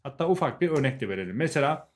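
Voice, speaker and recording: A man's voice: medium pitch, animated, very fast. A young adult man with a Turkish accent teaching a live language lesson, explaining, translating and repeating key words for learners.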